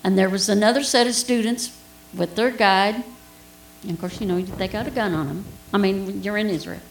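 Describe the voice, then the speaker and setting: A woman's voice: medium pitch, fairly even intonation, moderate pace, gravelly, roomy sound, a little hiss or hum, low-quality recording. A woman giving an informal Bible teaching, telling a personal story in a chatty way with laughs and asides.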